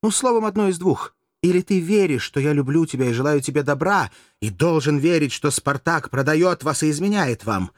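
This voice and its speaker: Мужчина озвучивает молодую коварную куртизанку, театрально, с мольбой и надрывом, в аудиокниге. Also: male voice, moderate pace, mellow, dry recording, clean studio sound, lightly acted. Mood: accusing. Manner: shrill, pleading, theatrical. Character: scheming young female courtesan, passionate, manipulative. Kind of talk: audiobook character voice.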